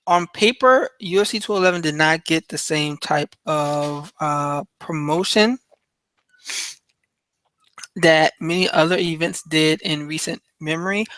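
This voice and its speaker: Bright, crisp-voiced man hosting a podcast. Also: a little high, unhurried, no room sound, rough recording. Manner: loose and rambling, frequent fillers and restarts. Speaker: podcast host. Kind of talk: casual solo podcast talk.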